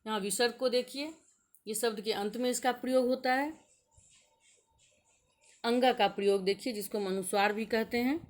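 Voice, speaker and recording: A woman's voice: on the high side, fairly even intonation. Woman teacher sounding out letters. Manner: slow, deliberate, sounding out letters one by one. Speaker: school teacher. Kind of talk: classroom grammar lesson.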